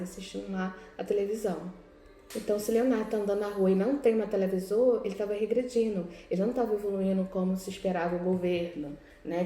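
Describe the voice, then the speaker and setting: A woman teacher with a Brazilian Portuguese accent and a mellow, medium-pitched voice corrects exercises in a recorded class lesson. She explains them step by step and keeps checking in with students through frequent "né?" and "tá?". The room is echoey, with faint background noise.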